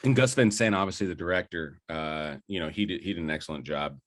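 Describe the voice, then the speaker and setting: Low-pitched and fast, a young adult man chats as a podcast co-host in a casual film debate. He gets excited about movies and rambles, leaning on fillers and starting over mid-thought.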